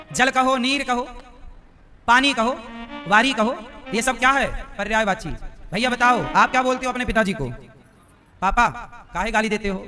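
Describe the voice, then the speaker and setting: Casting note: very high-voiced male preacher, playful quizzing of the crowd, music playing underneath. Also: pushed and bright. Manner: teasing, quizzing listeners directly. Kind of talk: devotional discourse with audience questions. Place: live religious gathering.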